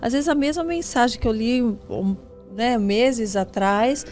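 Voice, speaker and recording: A woman's voice: a little high, measured pace, darkish tone, soft background music. A woman interviewer chatting casually about prayer and faith.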